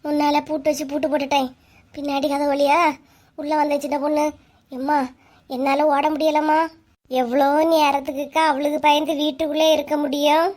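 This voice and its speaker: A woman voicing a panicky, very high-pitched village thief woman. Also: little pitch movement, normal speed, a little mellow, close to an everyday voice. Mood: anxious. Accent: Kanyakumari Tamil. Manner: fretful, pleading, snappish. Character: frightened village woman caught stealing chicken. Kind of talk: cartoon comedy voice acting.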